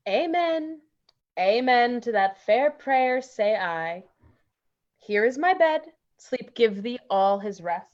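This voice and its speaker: An ardent young man in love, played by a woman, lingering over each line of verse. The voice sits fairly high and unhurried. The recording is muffled and lo-fi. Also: animated. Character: young male lover, earnest and ardent. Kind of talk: Shakespeare reading.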